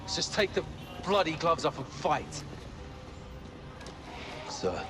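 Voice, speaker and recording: An actor playing a frustrated, defiant army sergeant in a video game, blunt, bitter and clipped. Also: male voice, on the high side, sing-song, slow pace. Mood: bitter frustration. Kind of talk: cinematic video game acting. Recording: game music behind dialogue.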